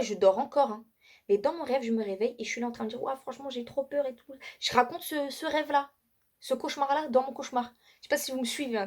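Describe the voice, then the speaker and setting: A young woman vlogging her personal testimony in a loose, conversational way. She chains anecdotes together with slang and fillers, and her voice runs slightly high. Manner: animated, slangy storytelling with many fillers and restarts. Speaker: vlogger giving a faith testimony. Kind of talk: casual spoken testimony to camera.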